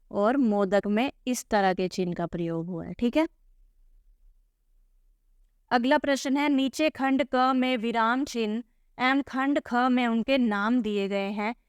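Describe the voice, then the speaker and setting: A woman's voice: medium pitch, clear, resonant tone, no room sound, clean studio sound. A woman teacher working through a textbook lesson, patiently asking questions and answering them herself. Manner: patient, asks and answers her own questions. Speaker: Hindi teacher.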